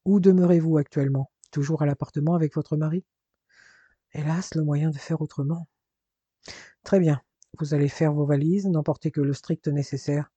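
A man's voice: on the high side, fairly even intonation, moderate pace, dark tone, slightly rough, no room sound, highs cut off. A man reading a firm, protective older father. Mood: firm, reassuring. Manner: formal, firm, reassuring.

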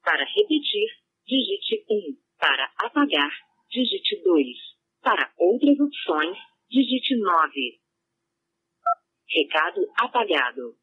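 A woman voicing an automated voicemail system, with a flat, mechanical delivery. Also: mid-range voice, slow, long pauses, slightly rough, heavily acted. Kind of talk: automated phone menu. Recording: tinny phone line.

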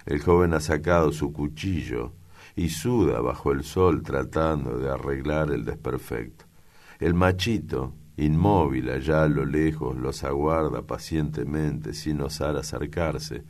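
A man reading a novel aloud in a measured, deliberate way. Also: rumbling low, darkish tone. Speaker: audiobook reader. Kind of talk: literary narration.

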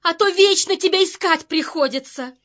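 A woman's voice: very high voice, normal speed, fairly bright tone, highs cut off. A woman voicing a watchful, nagging mother fox in a children's audio story, chiding in a motherly way. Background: faint music.

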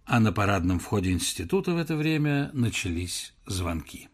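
A man narrating a story in expressive, scripted audiobook style. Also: lowish voice, normal speed.

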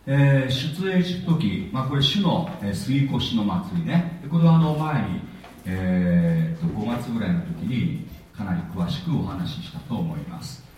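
A man preaching a sermon in a chatty, lively way, with plenty of filler words. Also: fairly low pitch, moderate pace. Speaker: pastor. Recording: echoey hall, voice from far off.

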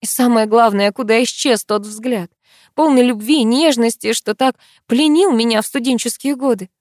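A woman's voice: a little high, moderate pace, a little mellow, no room sound, studio quality. A woman reading a first-person story aloud as an audiobook narrator, with a tense, tearful, pleading delivery.

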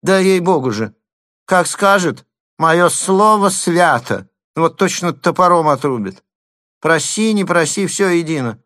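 High whiny lisping young man, greedy, pleading, near sobbing, voiced by a man, storybook reading, dry close sound. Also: expressive, unhurried, fairly bright tone, dry recording. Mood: complaining. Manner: wailing, near tears.

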